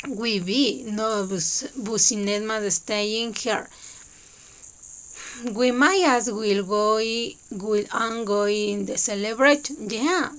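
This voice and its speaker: A woman whose first language is Spanish, reading a novel aloud in a halting, hesitant way with many fillers. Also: on the high side, rough recording. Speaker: reader.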